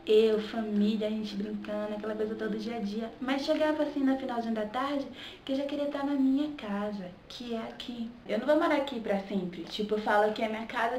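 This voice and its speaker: A young woman with a Bahian accent chats casually to her camera, her voice sitting a touch high. She talks in a relaxed, conversational flow and keeps checking in with the listener. The room is echoey, with a faint hum of ambience behind her. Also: fairly quick. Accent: Bahian Brazilian Portuguese. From Salvador, Bahia, Brazil. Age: young adult. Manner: chatty, keeps adding "sabe?" to her points. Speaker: vlogger. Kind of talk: casual vlog chat.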